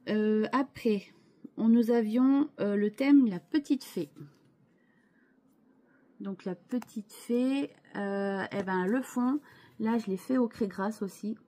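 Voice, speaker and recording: A woman talks through her handmade craft pages in a slow, unhurried way. Her voice is mellow and soft-edged. She hesitates often and restarts her sentences, turning to viewers with chatty asides. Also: medium pitch. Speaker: scrapbooking channel host. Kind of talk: casual show-and-tell of craft pages.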